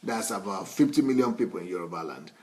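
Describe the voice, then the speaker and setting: A middle-aged man with a Nigerian accent, preaching in a relaxed, conversational way and often restarting and repeating words. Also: low-pitched, fast talker. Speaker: pastor. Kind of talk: sermon.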